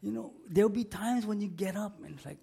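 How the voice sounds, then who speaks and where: This middle-aged pastor's voice is high, fairly quick, mellow, and slightly rough with vocal fry, strained by a cold that's taking his voice. In a church sanctuary he preaches emphatically, repeating key words and asking the congregation for an amen.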